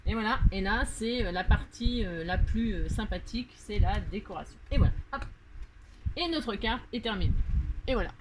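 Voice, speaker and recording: A woman's voice: mid-range voice, expressive, moderate pace, noisy background. A woman with a French accent hosting a casual crafting tutorial, chatty and self-mocking, full of fillers and repeated words.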